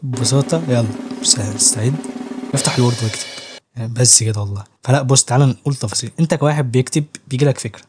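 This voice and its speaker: A man's voice: mid-range voice, very fast, loud music behind the voice. A young man with an Egyptian Arabic accent, chatting casually to camera about writing, joking in street slang and laughing often. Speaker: YouTuber giving writing advice.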